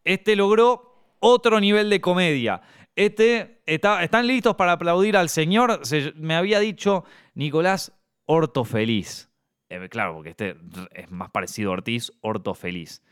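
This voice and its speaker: A man with an Argentine accent hosting a casual film podcast, animated, swearing freely and drifting off-topic, on a close, dry mic. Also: a little high, unhurried, clear, resonant tone, dry recording. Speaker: podcast host.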